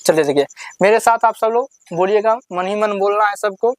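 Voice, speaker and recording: A teacher running a Hindi reading lesson, drilling word lists slowly and explaining each sentence in plain everyday talk. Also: medium pitch, no room sound, poor audio.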